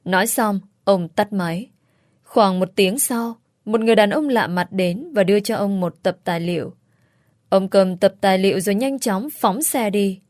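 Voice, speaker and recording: Female narrator, steady storytelling read, mid pitch, dry close mic. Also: normal speed, no echo.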